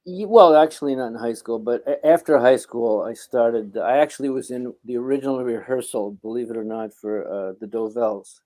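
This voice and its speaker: An older American man from Philadelphia is a guest in an interview, chatting casually and telling rambling anecdotes. He has a mid-range, dark-toned voice and keeps a moderate pace with few pauses.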